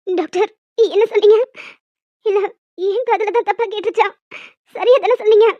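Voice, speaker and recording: A woman voicing an emotional young wife in a cartoon story, high and childlike, breaking into sobs. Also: steady tone, normal speed, no echo. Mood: overjoyed. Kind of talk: cartoon voice acting. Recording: dull lo-fi audio with faint music.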